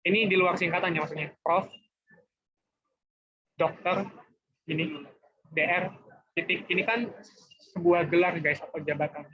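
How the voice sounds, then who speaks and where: High-voiced young man tutoring casually. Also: fairly even intonation, measured pace, long pauses, pushed and bright, breathy edge. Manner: chatty, informal, often says guys and gitu. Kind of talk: casual online class explanation. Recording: dull lo-fi online class audio.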